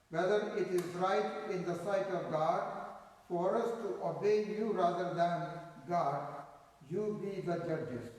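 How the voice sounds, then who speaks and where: A man speaking as a priest at Mass in a solemn, measured way, his voice carrying in a cathedral echo. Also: sits high, a little mellow. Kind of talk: liturgical reading and homily. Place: large echoing church. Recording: cathedral echo, long reverb, distant microphone.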